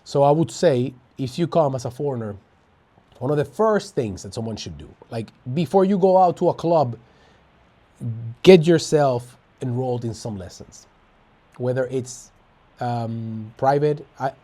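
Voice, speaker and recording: A man with a soft-edged, mellow tone. He talks casually and emphatically, circling back over his phrases and posing rhetorical questions. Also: medium pitch, animated, unhurried. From Latin America, Dominican Republic. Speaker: interview guest. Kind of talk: casual chat.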